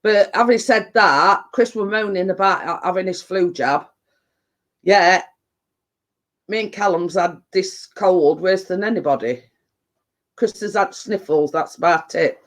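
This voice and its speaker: A man's voice: high voice, a little slow, fairly bright tone. A man with a Yorkshire accent, chesty and bunged up with a cold, chatting casually and ramblingly to live viewers. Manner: rambling, dialect-heavy. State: getting over a cold and chest infection. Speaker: livestream host.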